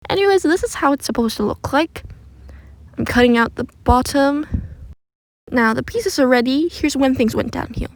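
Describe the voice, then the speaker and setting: A woman with a high-sitting, animated voice talks at a moderate pace, recording under a blanket so the sound is close and muffled from the room. She's a craft video creator narrating her DIY attempt in a casual, self-deprecating voice-over.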